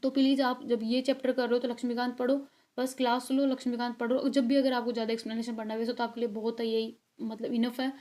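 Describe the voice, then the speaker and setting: A woman's voice: fairly high pitch, flat delivery, fast talker, warm tone. A young woman teaching an exam-prep video lesson, chatty and encouraging, checking often that her students follow. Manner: frequent check-ins and fillers.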